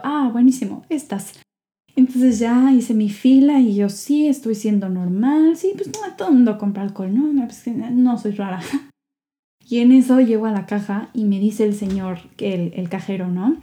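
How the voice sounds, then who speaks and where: A young woman tells a funny everyday story in a casual vlog, acting out the quoted voices with lively jumps in pitch. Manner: animated, acts out quotes with rising pitch.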